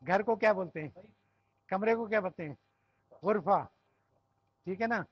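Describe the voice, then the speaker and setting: High-voiced Pakistani man teaching a class. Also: slightly rough, dry recording, dull audio. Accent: Pakistani Urdu. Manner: explains step by step, asking the class questions and checking with "right?". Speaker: Arabic grammar teacher. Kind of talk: classroom lesson.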